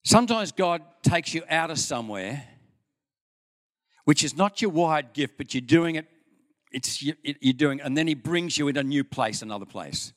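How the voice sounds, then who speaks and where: Older Australian man preaching a sermon. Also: a little high. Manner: folksy storytelling, lively with pauses. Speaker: pastor. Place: church hall.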